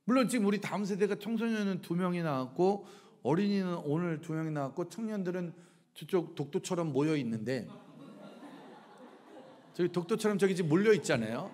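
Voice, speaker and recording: A middle-aged pastor preaching a revival sermon in a church, firing either-or questions at the congregation and acting out shouts. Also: male voice, high voice, lively intonation, a little fast. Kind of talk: lively revival sermon with call-and-response questions. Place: church sanctuary.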